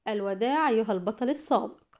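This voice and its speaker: A woman's voice: a little high, very fast, a little mellow, close to an everyday voice. A woman reading the part of a sneering, mocking male villain agent in an audiobook. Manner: mocking, taunting.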